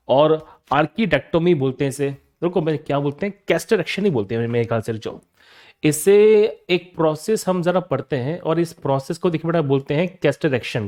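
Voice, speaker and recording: Brief: young male teacher, fairly high voice, drills terms through repeated questions. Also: darkish tone. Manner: repeats questions and answers them himself; calls students "beta". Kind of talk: classroom lecture.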